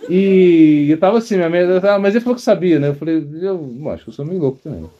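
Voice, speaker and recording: Man, spiritual talk, anecdotal, animated pitch, slightly high voice, husky. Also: fast, lo-fi sound. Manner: rambling storytelling, acts out quotes, laughs often. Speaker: monk giving a spiritual talk. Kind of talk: informal spoken discourse with anecdotes.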